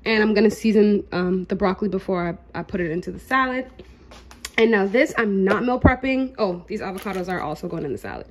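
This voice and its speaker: A woman in her twenties, chatty and relaxed, walking through a meal prep in her home kitchen. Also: medium pitch. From United States. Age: 20s. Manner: chatty, relaxed, lots of fillers. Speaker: lifestyle vlogger. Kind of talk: casual how-to vlog.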